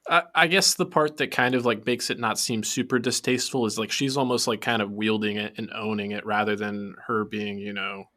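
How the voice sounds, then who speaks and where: A man's voice: on the low side, fairly even intonation, a little fast, hardly any pauses, bright, forceful tone. A man co-hosting a podcast in casual chat, thoughtful and hesitant, with many fillers. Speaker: podcast co-host.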